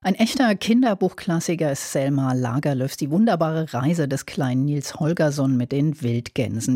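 A radio presenter reads a scripted introduction smoothly. The voice is dark and a little husky, and the studio sound is close and dry. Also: mid-range voice, dry recording. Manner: smooth, even scripted reading.

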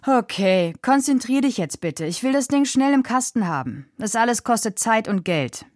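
A woman reading an audiobook voices an impatient male film director, speaking higher and louder than her narration. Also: steady tone, a little fast, no room sound, studio quality, close to an everyday voice.

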